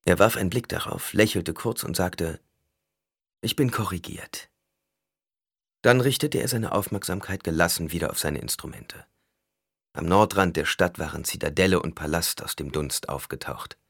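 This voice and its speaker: A man reading a novel aloud as narrator, measured and storytelling. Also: sits low, gravelly, a bit bright, breathy edge, no echo, clean studio sound. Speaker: audiobook narrator. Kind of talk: scripted narration.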